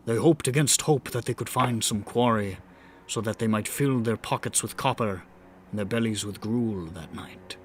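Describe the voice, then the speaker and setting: A man's voice: medium pitch, slight background noise, lightly acted. A man voicing a bard who recites an old fantasy tale in a grand, rhythmic, theatrical storytelling manner. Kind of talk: scripted fantasy tale narration.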